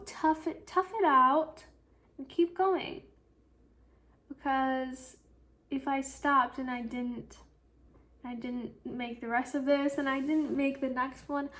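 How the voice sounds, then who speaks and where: A woman hosting her own podcast, chatting casually and rambling with lots of fillers, sounding sleepy and yawning. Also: sits high. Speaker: podcast host. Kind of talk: casual solo podcast chat.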